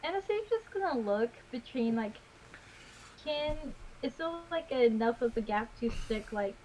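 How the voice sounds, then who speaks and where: A woman's voice: on the high side, expressive, moderate pace, a little mellow, a little hiss or hum, poor audio. A woman playing in a tabletop game, talking hesitantly with many fillers. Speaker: player. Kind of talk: casual tabletop game chat.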